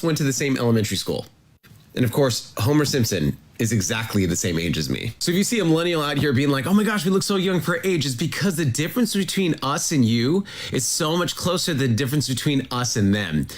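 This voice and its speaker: A man's voice: a little high, animated, fairly quick. A man in his thirties delivering an emphatic, punchy rant in a social media clip. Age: 30s. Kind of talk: direct-to-camera rant.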